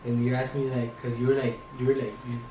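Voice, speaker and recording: A woman's voice: a bass voice, level tone, fast, dark tone, recorded from a distance. A woman chatting casually and teasingly as a partner joining in on a vlog. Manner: teasing, joking. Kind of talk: casual chat. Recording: echoey room with faint noise.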